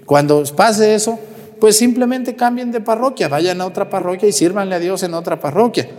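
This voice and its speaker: A man in his forties, a priest giving a sermon, loud and shouting as he tells stories. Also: high-pitched, fairly quick, big-room sound. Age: 40s. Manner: loud, shouting, animated storytelling.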